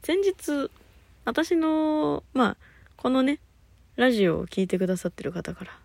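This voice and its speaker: A high-energy woman hosts a solo talk radio segment in a casual, rambling way and keeps losing track of what she meant to say. Her voice is breathy and slightly husky, and it sits close to a dry, dead microphone. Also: measured pace, dry recording. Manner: rambling, loses her thread, laughs often; high-energy, lively talker.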